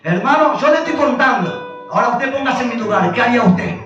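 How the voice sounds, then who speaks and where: A man's voice: very high-pitched, lively intonation, brisk. A male pastor with an Argentine accent preaching a fervent sermon, calling out brother and amen again and again. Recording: echoey church hall from far, music behind.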